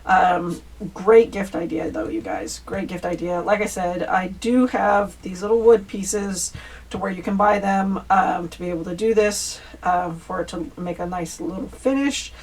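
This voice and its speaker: In a fairly low voice at a measured pace, a woman leads a relaxed, step-by-step craft tutorial, talking to viewers informally and calling them "you guys." Faint background noise comes through a mic placed at a distance.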